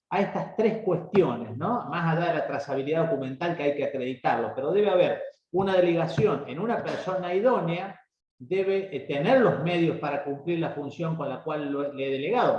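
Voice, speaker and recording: A man with an Argentine Spanish accent moderating a legal webinar, explaining in a measured way with hesitant restarts over a video call. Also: on the high side, darkish tone. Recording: echoey, muffled video-call audio.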